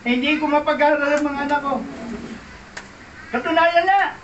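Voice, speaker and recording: A man's voice: very high-pitched, moderate pace, pitched above the performer's own voice. A man voicing a poor, crippled, grimy beggar who cries out with fervor, heard in an echoey hall from a distant mic. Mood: weary. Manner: pleading, crying out with fervor. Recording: echoey hall, distant mic, dull sound, background noise.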